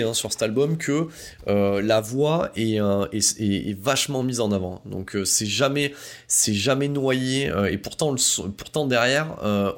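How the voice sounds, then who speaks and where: A man giving a casual spoken album review, hesitant with lots of fillers and restarts, but enthusiastic and informal. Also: medium pitch. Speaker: music reviewer.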